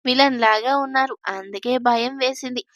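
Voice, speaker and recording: A woman's voice: fairly high pitch, normal speed, fairly bright tone, no echo, close to an everyday voice. Woman doing a scared innocent little bride, chatters on nervously, dry close sound. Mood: innocent fearful. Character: timid innocent young girl bride.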